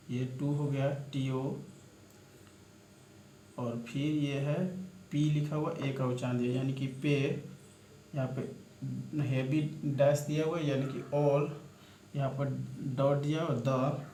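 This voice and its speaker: A man with a mid-range, warm voice teaches shorthand in a step-by-step lesson, speaking slowly and flatly with frequent pauses. He spells out letters one by one and addresses viewers as friends. The room is echoey, with faint background noise.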